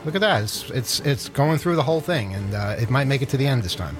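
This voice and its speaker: A man hosting a radio show in casual on-air banter. He rambles and trips over his words in a self-deprecating way. His mid-pitched voice sits over clear background music in a broadcast studio. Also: expressive, quick pace. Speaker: radio host.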